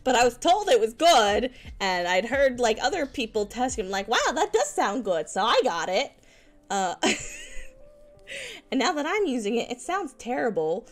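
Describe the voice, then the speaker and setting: A woman chatting casually on a live stream in a cute, girlish anime-streamer manner, giggly, expressive and playfully dramatic. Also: a little high, normal speed, faint music behind. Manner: giggly, frequently breaking into laughter.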